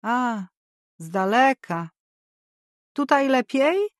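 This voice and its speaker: A woman reading an audiobook, voicing a curious, nosy middle-aged landlady in a raised, louder voice. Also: big pitch swings, extremely slow, dry recording, studio quality, exaggerated voice. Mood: prying. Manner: prying, high and loud.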